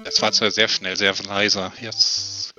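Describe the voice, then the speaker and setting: A man's voice: lowish voice, level tone, slow pace, sharp tone, dull audio, faint music behind. A man hosting a casual podcast from home, greeting listeners in a cheerful, jokey way through an overdriven, clipping, distorted mic. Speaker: podcast host. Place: home room, joined by online call.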